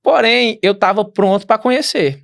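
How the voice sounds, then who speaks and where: A man's voice: high voice, normal speed, creaky, fairly bright tone. A man with a Brazilian Portuguese accent, a podcast guest telling a rambling travel story with many restarts. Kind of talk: casual interview.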